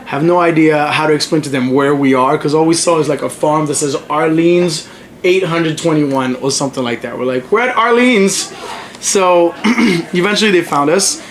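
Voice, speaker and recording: A young male musician from the Congo, chatting casually in an interview and telling stories with lots of fillers. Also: a little high. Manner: animated storytelling, frequent fillers. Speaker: musician guest. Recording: noisy crowd behind. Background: crowd chatter.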